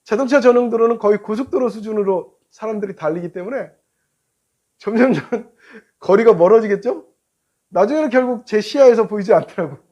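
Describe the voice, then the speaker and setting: A male pastor giving a sermon, telling a road-rage story in an animated way and acting out both drivers. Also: sits high, brisk, lo-fi sound.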